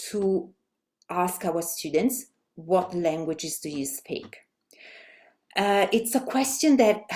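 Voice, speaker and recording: This woman's voice is on the low side and warm. She's a middle-aged Italian presenter in language education, speaking with an Italian accent in a webinar and stumbling along with plenty of fillers and restarts.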